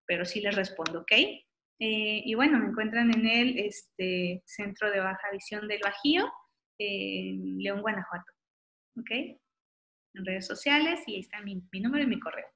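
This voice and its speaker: A woman giving an online talk over a computer mic. Her voice is bright and forward, at an ordinary middle pitch. She is relaxed and chatty and fills pauses with small hesitations. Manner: informal and friendly, many fillers like "este". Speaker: optometrist giving a webinar talk. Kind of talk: webinar lecture with audience questions.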